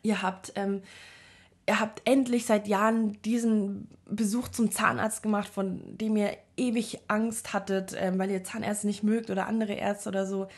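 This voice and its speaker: A woman's voice: mid-range voice, flat delivery, moderate pace. A young woman speaking to her viewers in a casual, reflective monologue, giving earnest self-help advice with lots of fillers and restarts.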